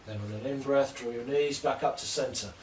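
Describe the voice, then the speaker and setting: Male yoga teacher, soft and unhurried guided instruction, recorded from a distance in an echoey room. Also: mid-range voice, a little hiss or hum. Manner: slow, gentle, calm cueing of breath and poses. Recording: roomy echo, distant mic, faint ambience.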